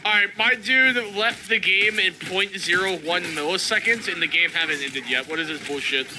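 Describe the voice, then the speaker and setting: A man's voice: sits high, normal speed, sharp tone, slight background noise. A man with a Southern US accent, a streamer chatting casually and bluntly while he plays, swearing freely, with faint game music behind. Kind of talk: casual chat while gaming.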